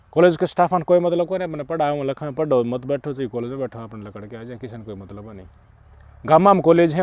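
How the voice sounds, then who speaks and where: A middle-aged man with a Haryanvi accent gives preachy, emphatic social commentary as a channel host, swinging between loud outbursts and muttered asides. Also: medium pitch, dry recording.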